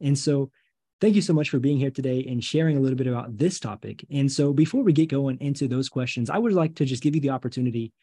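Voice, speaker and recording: A man hosting a faith podcast interview, welcoming and quick with short affirmations. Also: mid-range voice, dark tone, breathy edge. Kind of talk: casual interview talk.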